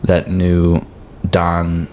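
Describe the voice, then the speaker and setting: A man in an improvised comedy chat, rambling in a deadpan way with sudden loud bursts. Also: low-pitched, extremely slow, slight background noise. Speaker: comedy podcast guest playing a librarian.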